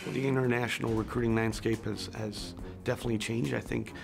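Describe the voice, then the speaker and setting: A man's voice: mid-range voice, steady tone, quick pace, creaky. A middle-aged man, a head coach, explaining steadily in a sit-down interview. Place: indoor arena seating. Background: music.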